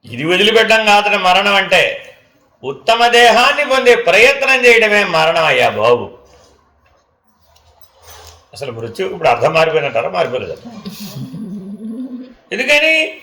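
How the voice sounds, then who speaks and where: A man, a spiritual teacher, giving a Vedanta discourse. He chants Sanskrit verses slowly and asks questions that he answers himself. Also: high voice, big pitch swings, pushed and bright, roomy sound, low-quality recording.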